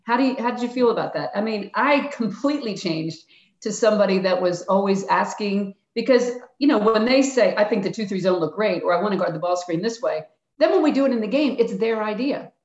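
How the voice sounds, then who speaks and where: Here the retired coach, an older Philly woman and interview guest, speaks a little fast in a mid-range, slightly mellow voice with lively intonation. Her reflective answers are frank and plainspoken, and she voices quotes from herself and her players. An echoey, dull-sounding room leaves everything roomy and muffled.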